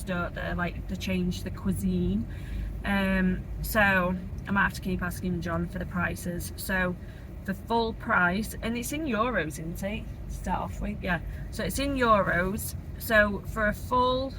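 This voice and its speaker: Casting: young Northern English woman, casual rambling vlogger, mid-pitched, recorded over clear car and road noise. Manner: informal, rambling, colloquial. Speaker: travel vlogger. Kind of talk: casual chatty vlog. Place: inside a moving car. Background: car engine and road noise.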